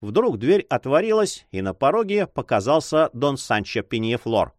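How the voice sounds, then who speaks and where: A man reading a novel aloud in expressive scripted narration. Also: medium pitch, normal speed, no room sound, studio quality. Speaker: audiobook reader.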